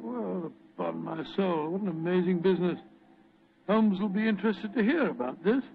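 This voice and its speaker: A man's voice: sits high, expressive, normal speed, gravelly, very noisy. A man playing a courteous, fussy British doctor and sidekick in an old-time radio mystery, blustering and stammering politely as he repeats himself. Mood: amazed, musing. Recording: dull vintage radio drama recording.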